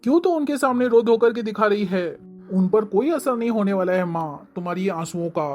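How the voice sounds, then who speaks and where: A woman's voice: medium pitch, animated, fairly quick, a little mellow, soft background music, close to an everyday voice. A woman voicing a blunt younger son. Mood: dismissive. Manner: dismissive, blunt. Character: blunt younger son siding with his mother.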